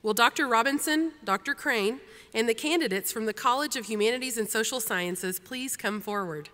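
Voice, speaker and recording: A woman delivers formal commencement announcements in a measured way. Her voice is bright and a little high. It echoes through a large hall over a faint murmuring crowd. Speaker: commencement presenter. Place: large auditorium.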